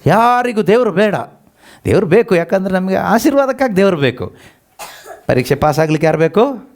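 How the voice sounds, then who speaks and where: A man preaches a sermon in a high, animated, brisk voice with a darkish tone. He poses rhetorical questions to the congregation, has them read verses aloud, and repeats each scripture line after them.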